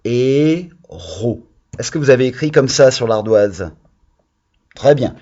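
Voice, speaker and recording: A man teaching young children in a recorded lesson, patient and encouraging, stretching out the key words slowly. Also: mid-range voice, dark tone, lo-fi sound. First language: French. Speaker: primary school teacher.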